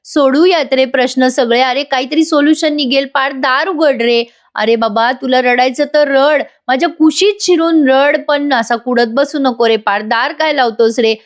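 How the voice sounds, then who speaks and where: A woman's voice: high voice, fairly even intonation, moderate pace, voice pushed up, close to an everyday voice. A woman voicing a middle-aged mother who tearfully coaxes and pleads with her son to open the door. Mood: pleading.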